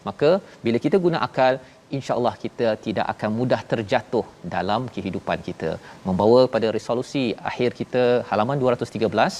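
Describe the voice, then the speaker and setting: A man's voice: mid-range voice, fast, darkish tone. A man from Malaysia hosting a televised Quran lesson, explaining verses in an emphatic, preaching way. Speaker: Quran teacher and host.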